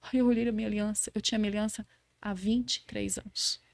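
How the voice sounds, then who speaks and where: Podcast guest: a fast, lively woman with a Belo Horizonte accent, dry recording. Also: medium pitch, gravelly, no echo. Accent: Belo Horizonte Brazilian Portuguese. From Belo Horizonte, Brazil. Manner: animated, acts out quoted voices. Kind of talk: casual personal storytelling.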